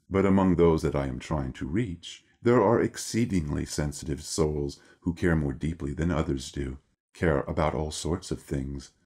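A man voicing Lucifer, a lofty male devil figure, through an electronic filter that makes his voice deep, speaking in a formal, measured, wry lecturing tone. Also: dark tone, slightly rough, exaggerated voice. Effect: electronically altered deep voice. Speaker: video producer. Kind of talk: scripted monologue.

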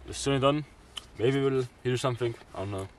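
A man's voice: medium pitch, brisk. A young man chatting casually to the camera as a vlogger. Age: young adult, about late teens. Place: small wooden shed attic at night. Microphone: camera a short distance away. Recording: noisy, distant camera microphone.

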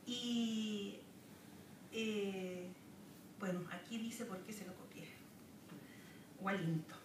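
A poet from southern Chile reads her work at a podium, very slowly and deliberately, pausing after every line and adding spoken asides. Her medium-pitched, steady voice sounds far off, captured by a camera on the opposite side of a wood-paneled lecture room full of echo and background hiss.

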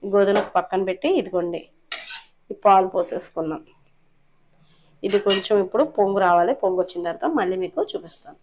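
A woman's voice: mid-range voice, fast, long pauses, noisy background. Chatty woman narrating home cooking. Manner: chatty, politely addressing viewers. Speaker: cooking vlogger. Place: home kitchen.

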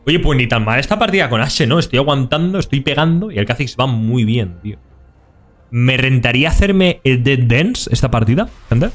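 A young Spanish-accented man streams his gameplay, chatting loosely and full of slang with his viewers. His voice sits at an ordinary middle pitch. Soft music plays faintly underneath. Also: lively intonation, normal speed. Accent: Spain Spanish. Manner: casual and slangy, talks to chat. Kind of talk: live gameplay commentary.

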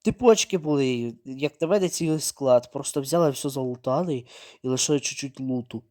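A man giving running gameplay commentary, narrating his own moves, repeating words and breaking into sudden excited outbursts. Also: mid-range voice, normal speed. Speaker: mobile game streamer.

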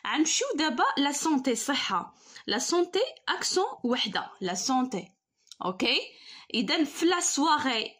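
A young Moroccan woman teaches an online school lesson in a fairly high, husky voice. She talks quickly when she explains, and reads the French words slowly and carefully. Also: a bit bright.

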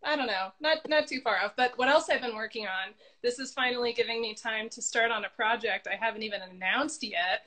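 A woman's voice: fairly high pitch, brisk, hardly any pauses, bright, forceful tone. A woman in her thirties, an illustrator and guest, chatting casually from home on her phone, friendly and a little hesitant. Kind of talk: casual live-stream chat. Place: home room, indoors. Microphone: phone camera at arm's length.

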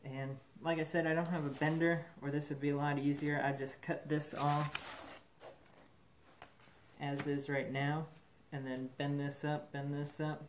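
A man in a metal fabrication shop, talking through a build in a relaxed way and thinking aloud with fillers, recorded on the camera mic from above the bench. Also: a little high, a little slow, slight background noise. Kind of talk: casual shop demonstration. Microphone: camera mic, speaker off-frame above the bench.

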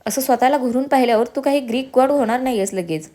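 A woman's voice: sits high, fast talker, warm tone, natural voice. Woman voicing a sassy, fierce young wife. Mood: mocking. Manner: sassy, mocking.

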